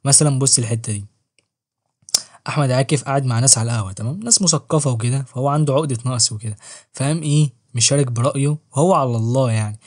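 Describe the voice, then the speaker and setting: Talking at a racing clip in a medium-pitched voice, this channel host reviews a novel in his Egyptian Arabic accent. The vlog is casual, and he keeps it joking, slangy, and self-mocking.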